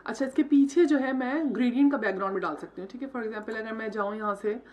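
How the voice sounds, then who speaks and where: Talking fast in a slightly high, darkish voice, a woman teaches logo creation in a screen-recorded software lesson. Her Hindi is mixed with English terms, and after every step she checks in with "theek hai."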